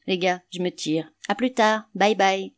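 A woman's voice: mid-range voice, unhurried, close to an everyday voice. A woman reading an audiobook, voicing a wry, teasing middle-aged man. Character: cynical middle-aged Irish man, lighthearted.

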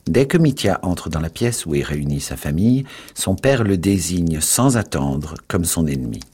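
A man presenting a classic novel and reading its narration in a measured, dramatic way. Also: low-pitched, sing-song, a little mellow, breathy edge. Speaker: book programme presenter.

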